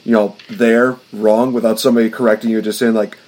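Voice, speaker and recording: A man's voice: lowish voice, flat delivery, a little fast, darkish tone. A man hosting a casual podcast, rambling through his points with lots of fillers. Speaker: podcast host.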